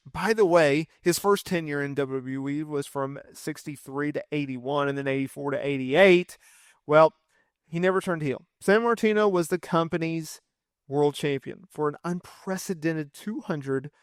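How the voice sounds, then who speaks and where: A man in his thirties hosting a casual wrestling list video, chatty and quick to correct himself. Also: on the high side, clean tone, no echo, studio quality. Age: 30s. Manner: chatty, self-correcting, fan enthusiasm. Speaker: wrestling commentary host.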